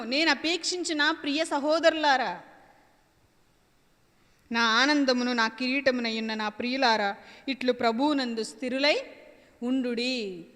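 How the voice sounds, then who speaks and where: A woman's voice: high-pitched, sharp tone, big-room sound. A woman preacher delivering an emphatic sermon, repeating her phrases and asking and answering her own questions.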